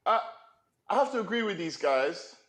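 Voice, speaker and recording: A man's voice: high voice, sing-song, normal speed, a bit bright. Man, sports panel chat, loose and rambling, echoey room. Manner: loose, many fillers and restarts, storytelling. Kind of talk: casual basketball chat.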